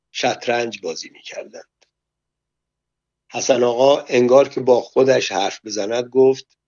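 A man narrating a story aloud in a calm, measured way. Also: mid-range voice, dry recording, lo-fi sound.

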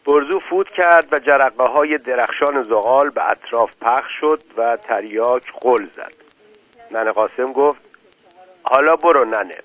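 Measured male storyteller, dull lo-fi sound. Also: medium pitch, no echo. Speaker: audiobook narrator. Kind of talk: scripted novel narration. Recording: dull lo-fi dry recording.

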